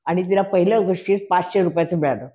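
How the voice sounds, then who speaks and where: A woman in her sixties reciting her poems and telling anecdotes between them, with a slow, measured, sing-song delivery. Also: lowish voice. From Maharashtra, India. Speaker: poet. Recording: dull lo-fi recording.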